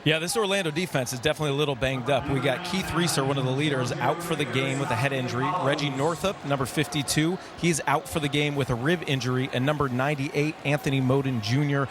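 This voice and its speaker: Fast-talking male football sideline reporter. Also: mid-range voice, fairly even intonation, heavy background noise. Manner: brisk, listing delivery. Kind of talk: live sideline injury report.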